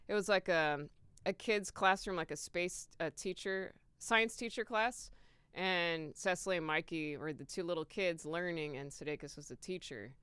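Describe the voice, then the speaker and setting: A woman who is a comedian and podcast guest, telling stories in an animated way with quick restarts. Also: low-pitched, smooth, no echo. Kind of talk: casual podcast chat.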